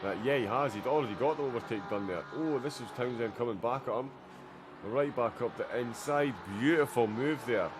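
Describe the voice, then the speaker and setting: A man's voice: medium pitch, a little fast, background noise. Man giving casual sim racing commentary. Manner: chatty, many "uh" fillers, reacts to the action. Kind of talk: live race commentary.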